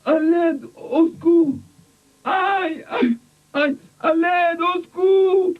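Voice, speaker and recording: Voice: high voice, fairly even intonation, takes it slowly, husky, full character voice. An actor playing a little boy in a children's cartoon, groaning and pleading as if sore and aching, on dull VHS audio. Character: cocky little boy, whining in pain after a fall.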